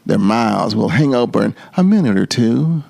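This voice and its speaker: A man voicing a sly, grumpy Grinch in a storybook, scheming and smugly gleeful, with drawn-out mock sweetness. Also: mid-range voice, lively intonation, vocal fry, a little mellow, no room sound, heavily acted. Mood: gloating.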